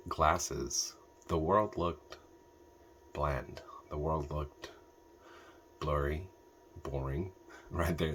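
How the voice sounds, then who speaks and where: A man's voice: rumbling low, a little hiss or hum. A man from Ethiopia giving a reflective meditation talk, thoughtful and hesitant, with many fillers and restarts. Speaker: meditation teacher.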